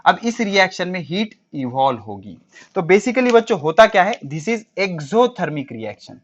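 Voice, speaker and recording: In a classroom chemistry lecture, a man with a high-pitched voice speaks a little slowly with big pitch swings, posing questions and answering them himself. He mixes English terms into his speech, and the dull lo-fi recording carries slight background noise.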